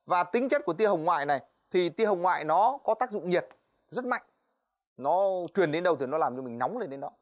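A man teaching physics in a televised exam-review lesson, talking to students in a chatty way with many fillers and quick checks for understanding. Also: sits high, lively intonation. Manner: quick, chatty, stops often on "đấy" and "ờ"; addresses students directly, asks "right?".

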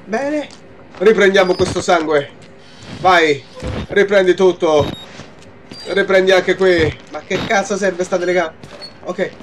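A man's voice: high-pitched, a little slow, pauses often, a little hiss or hum. A young man, giving horror let's play commentary, muttering to himself, swearing and yelping in fright. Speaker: gaming channel host.

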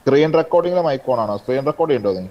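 A man speaking as a gaming teammate, making quick offhand remarks. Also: medium pitch, expressive. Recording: muffled voice chat.

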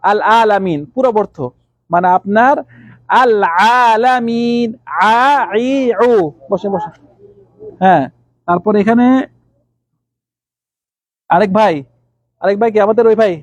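A man teaching Arabic letters to a class, calling on students by name and repeating letter sounds slowly. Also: sits high, no echo.

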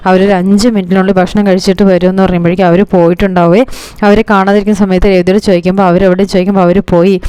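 Fast-talking woman recapping a serial. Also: medium pitch, warm tone, clear, resonant tone, no echo. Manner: rushed retelling with restarts and hesitations. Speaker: serial episode reviewer. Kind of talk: casual spoken plot recap.

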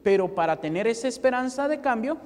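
Mexican priest, high voice, preaching in a church with a long echo; asks the crowd question after question. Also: male voice, animated, a little fast. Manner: rhetorical questions, acts out parishioners' pleas. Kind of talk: sermon.

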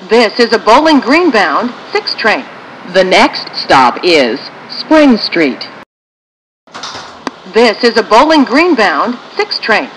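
A woman with an American accent reads scripted train station announcements in measured, formulaic phrases. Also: mid-range voice, fairly bright tone, a little hiss or hum, low-quality recording.

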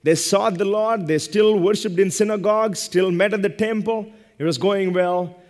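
A pastor in his thirties preaches and teaches from a lectern on an indoor church stage, and a long hall reverb trails his words. His voice is high and somewhat dark, at a moderate pace. He is emphatic, repeating short phrases for stress.

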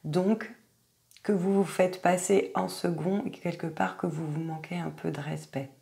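French-speaking woman doing a card reading, lowish gravelly voice, lots of ums. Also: fairly even intonation, unhurried. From France. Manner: gentle, hesitant, many fillers. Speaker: tarot card reader. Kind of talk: astrology guidance reading.

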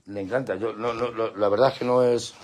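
A man hosting a casual live stream with his dogs outdoors at night, talking into a handheld phone and calling to the dogs in a playful, coaxing way. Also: brisk. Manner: coaxing, playful, breaks into high excited calls to the dogs. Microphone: phone held in hand.

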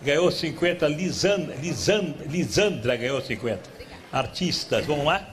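Apresentador brasileiro de voz um pouco aguda. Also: male voice, fairly high pitch, animated. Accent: Brazilian Portuguese. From Brazil. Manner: reads clues slowly, teasing contestants. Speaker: game show host. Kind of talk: live TV game show hosting. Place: TV studio with live audience. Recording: clear background noise from a TV studio.

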